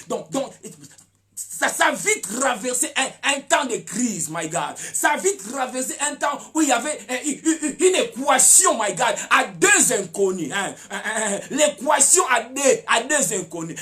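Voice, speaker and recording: Pasteur prêcheur à la voix très animée. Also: male voice, extremely high pitch. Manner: preaching with shouted peaks and many repeated words. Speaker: pastor. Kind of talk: sermon.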